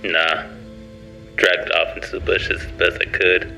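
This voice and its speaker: Man acting gravelly, low-voiced drunk backwoods buddy. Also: flat delivery, measured pace, pushed and bright, exaggerated voice, low-quality recording. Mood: casual, wary. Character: drunk rural ex-convict buddy on the phone, gruff, casual. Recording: music behind the voice.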